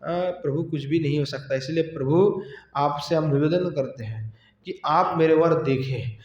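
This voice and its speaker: A man giving a devotional scripture discourse as a katha preacher. He asks his listeners questions and answers them himself, and he chants Sanskrit verses slowly. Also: fairly high pitch, a little mellow. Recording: dull echoey hall recording.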